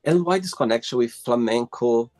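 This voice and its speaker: A man's voice: mid-range voice, moderate pace, a little mellow, faint music behind. Playful male host asking questions. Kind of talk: casual interview conversation. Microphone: video call.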